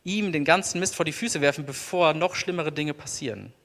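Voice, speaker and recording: A man preaching a sermon as pastor, earnest, slowing down to stress key words. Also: on the high side, a bit bright. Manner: earnest, slows down for emphasis. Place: church. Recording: long church reverb.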